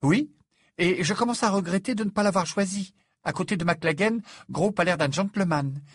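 A man voicing a clever, proud teenage girl who talks quickly, clipped and indignant. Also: sits high, husky, no room sound, studio quality, pitched above the performer's own voice. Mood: brisk.

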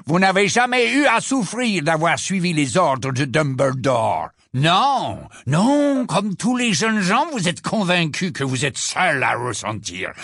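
A man's voice: fairly high pitch, very animated, fairly bright tone, no room sound, studio quality, voice pushed up, heavily acted. Man voicing Phineas, a sneering old wizard portrait. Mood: scolding. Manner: slow sarcastic drawl, mocking asides. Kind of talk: audiobook character voice.

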